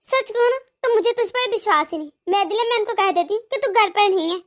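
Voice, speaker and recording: A cruel, bossy mother-in-law in a cartoon, played by a woman barks sneering taunts. Her voice is loud, high and cutting, forever scolding. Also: brisk. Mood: threatening. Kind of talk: cartoon voice acting.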